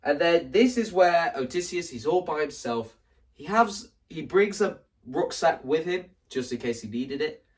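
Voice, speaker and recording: Recorded from a distance, a man with a fairly high voice and lively intonation talks at a measured pace in an animated explanatory vlog about staging a musical. This content creator rambles, acting out scenes and quoting lines as he goes.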